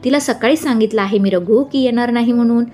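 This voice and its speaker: A woman's voice: fairly high pitch, fast talker, darkish tone, faint music behind, close to an everyday voice. A woman reading the clipped, curt lines of a busy young male boss in a storybook.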